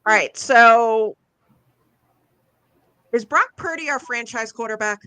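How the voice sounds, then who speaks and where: Bright-voiced woman leading sports chat. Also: a little high, slow, clean tone, rough recording. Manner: leads topics with questions. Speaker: podcast co-host.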